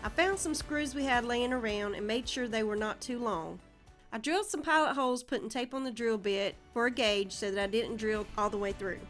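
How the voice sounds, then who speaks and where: Over soft background music, a woman with a Southern accent gives a friendly, step-by-step voice-over for a home DIY project on her channel. She speaks fairly quickly in a fairly high, slightly bright voice.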